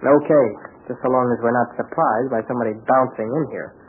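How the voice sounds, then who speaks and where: A man acts as a plucky young American lad in a 1940s radio adventure. He is eager and quick to scheme. The old recording is thin and tinny, with faint noise. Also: medium pitch, fairly even intonation, natural voice. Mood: wary. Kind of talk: 1940s radio serial acting.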